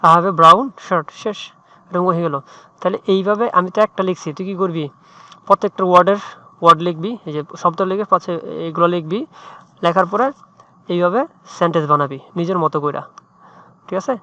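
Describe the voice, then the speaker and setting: A man's voice: high-pitched, quick pace, pauses often, sharp tone, no echo. A man tutoring English in a chatty, informal way, often checking in with "right?". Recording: muffled dry lo-fi mic.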